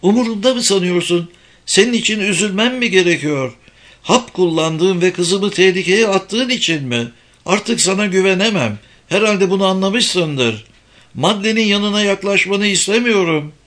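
A man voicing an angry, bitter mother in an audiobook, sharp and accusing in tone. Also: on the high side, moderate pace, hardly any pauses, pitched above the performer's own voice. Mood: furious. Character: furious bitter middle-aged mother.

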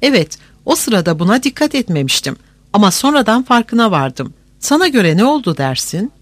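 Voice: mid-range voice, sing-song, normal speed, a bit bright, no room sound. Reader doing eager young twin suitor, puzzled. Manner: puzzled, questioning.

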